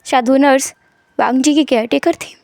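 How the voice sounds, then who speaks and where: A woman retells a fan story in a loose, conversational manner. Her voice sits high, and the recording is dry and close with no room sound. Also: fairly even intonation, moderate pace, vocal fry, a little mellow, no echo. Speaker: story narrator.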